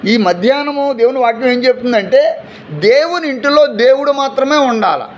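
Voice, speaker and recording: A man's voice: very high voice, lively intonation, moderate pace, lo-fi sound, slight background noise. A man preaching a fervent sermon in a church, asking rhetorical questions and calling out hallelujah. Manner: acts out everyday people in short quoted asides. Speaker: pastor. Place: church during an afternoon service.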